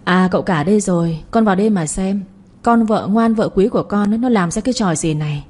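A woman voicing a harsh, domineering older mother-in-law who shouts insults at her household. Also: mid-range voice, fast, close to an everyday voice. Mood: scornful.

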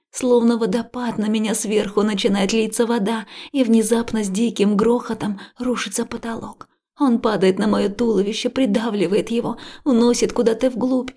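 A woman narrating a first-person audiobook in an intimate, emotional style, often slipping into a breathy whisper. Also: on the high side, mellow.

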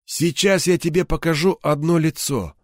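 A man's voice: fairly high pitch, normal speed, a little mellow, no echo, studio quality, pitched above the performer's own voice, natural voice. A man voicing a hardened male ex-cop turned criminal enforcer, who talks in a cold, threatening, mocking way. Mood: menacing.

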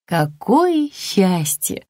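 Loving lizard mom, slow soothing voice, woman reading, dry close mic. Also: low voice, animated, a little mellow, husky, no echo, heavily acted. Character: calm loving mother lizard.

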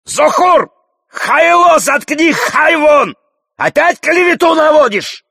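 A hot-tempered fighter spits furious threats in a high, yelling voice, as a male reader puts him on. Gritty and raw, recorded close and dry for an audiobook. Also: sing-song, slow pace, vocal fry, dry recording, full character voice. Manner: furious, spitting shouts. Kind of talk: audiobook character voice.

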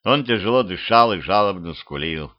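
A man's voice: on the low side, animated, moderate pace. Man narrating an audiobook, lo-fi. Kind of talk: scripted narration of a humorous mystic tale. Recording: slightly dull lo-fi home recording.

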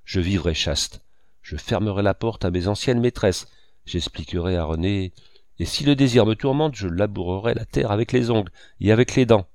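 A man's voice: fairly low pitch, moderate pace, a little mellow, dry recording, clean studio sound, close to an everyday voice. A man reading as a brooding, anxious young man. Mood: resolute.

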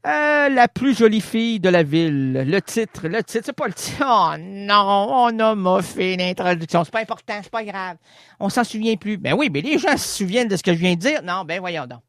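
A man's voice: high-pitched, expressive, normal speed, a bit bright. A man with a Québécois accent doing a rambling improvised comic monologue full of wordplay. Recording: long hall reverb with faint music.

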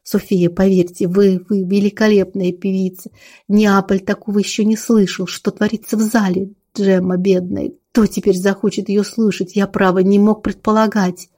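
A woman voicing Marco, an impulsive young male Italian opera tenor who talks in a hurried, pleading way. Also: medium pitch, flat delivery, mellow, close to an everyday voice.

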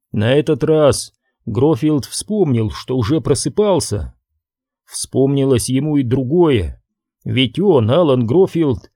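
A male audiobook narrator reads a hardboiled crime novel at an unhurried pace. His voice is mellow and his intonation rises and falls with expression. It is recorded close and dry. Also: medium pitch, dry recording. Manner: measured, expressive reading. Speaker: audiobook reader. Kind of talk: scripted narration.

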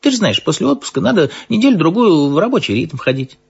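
A man voicing a shrill pushy company director. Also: sing-song, fast, creaky, breathy edge, dull audio, full character voice. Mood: pleading. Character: agitated middle-aged male company director.

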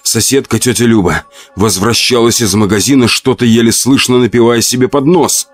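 A man reading a first-person horror story aloud, expressive and dramatic. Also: medium pitch, normal speed, soft background music. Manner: expressive, acts out shouts and laments. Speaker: audiobook narrator.

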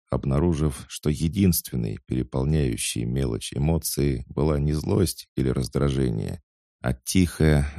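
A man narrating an audiobook in the first person, even storytelling. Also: extremely low pitch, gravelly, no room sound, studio quality.

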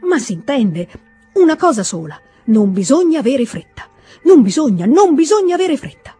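A woman's voice: on the high side, sing-song, normal speed, warm tone, slightly rough, soft background music, full character voice. Woman doing an anguished pleading nobleman. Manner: emotional, imploring, rising to cries. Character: pleading warm-hearted middle-aged nobleman, brother-in-law.

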